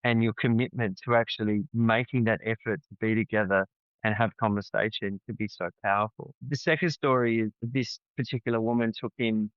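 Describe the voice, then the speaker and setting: A man's voice: fairly low pitch, steady tone, a little fast, smooth, dry recording. A man, a podcast guest telling stories in an earnest, conversational way and often repeating words as he restarts. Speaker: podcast guest, founder of a family program. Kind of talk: conversational storytelling. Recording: slightly dull, dry podcast audio.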